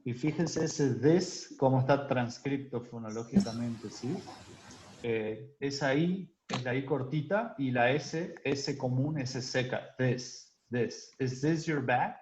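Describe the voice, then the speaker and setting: A man's voice: mid-range voice, slow pace, darkish tone. A man teaching an online English class, explaining grammar patiently and drilling pronunciation with his students. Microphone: video call. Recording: roomy, dull video-call audio with faint noise.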